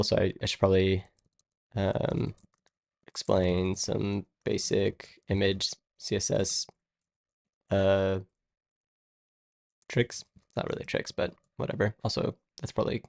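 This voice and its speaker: A man's voice: on the low side, creaky, darkish tone, dry recording, clean studio sound. A man live-streaming his coding work, thinking aloud in a rambling, casual way and muttering to himself as he goes. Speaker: live-streaming web developer.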